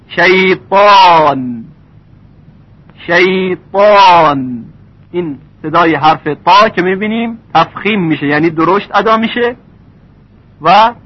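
A man teaching recitation rules in a lesson, stretching out example words slowly. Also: sits high, husky. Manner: slow drawn-out example words. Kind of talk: tajweed lesson. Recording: dull lo-fi recording.

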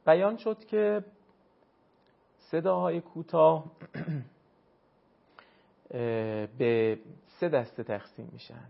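A man hosting a broadcast Quran lesson, explaining pronunciation politely and formally, sounding out sounds slowly. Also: mid-range voice, dull audio. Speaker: Quran teacher and program host. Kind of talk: televised recitation lesson.

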